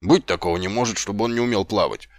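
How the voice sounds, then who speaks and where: A man voicing a slow, timid, middle-aged male sergeant who talks hesitantly and grumbles, in an audiobook. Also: on the low side, no echo, studio quality, pitched below the performer's own voice, close to an everyday voice.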